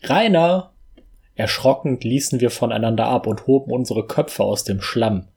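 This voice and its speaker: Husky man reading a comic story. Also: mid-range voice, fairly even intonation, moderate pace, a little mellow. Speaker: reader. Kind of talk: reading a humorous story aloud.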